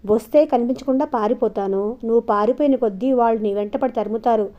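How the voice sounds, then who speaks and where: A woman reading a brisk, practical young man. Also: a little high, lo-fi sound, lightly acted. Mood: firm. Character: practical young man, the hero's loyal friend. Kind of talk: audiobook character reading.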